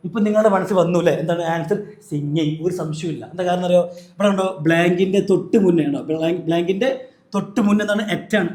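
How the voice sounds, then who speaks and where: In a reverberant space, a man with a high, slightly mellow voice teaches English grammar. He poses questions, answers them himself, and goes back over the key points.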